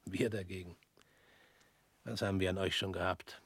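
Voicing a weary former party official full of guilt, this radio-play actor has a low-pitched, steady, husky voice with a bit of brightness, and his performance is exaggerated. He broods in a measured way and often falls to a whisper, with no echo on the recording.

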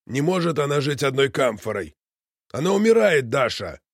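A man's voice: mid-range voice, normal speed, no echo, studio quality, lightly acted. Strained middle-aged guy, choked theatrical voice, audiobook, done by the narrator. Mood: agitated.

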